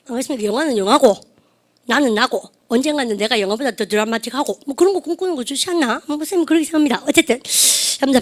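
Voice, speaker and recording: A middle-aged woman teaching English to a classroom of adults, lively and teasing, firing quick questions at her students. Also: sits high. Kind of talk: classroom lecture.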